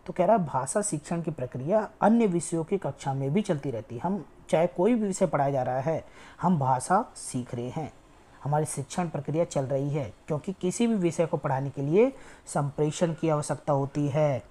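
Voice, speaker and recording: Low-pitched and warm, moderately paced, a woman runs an online exam-prep lecture. She explains each step in turn, repeats key words for emphasis, and checks in frequently with "ठीक है".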